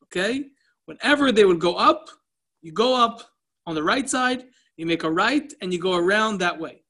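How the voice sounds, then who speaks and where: A man's voice: high-pitched, animated, normal speed, pushed and bright. A man teaching a casual Talmud class, telling stories and explaining the text in a loose, conversational way with Yiddish and Hebrew terms mixed in.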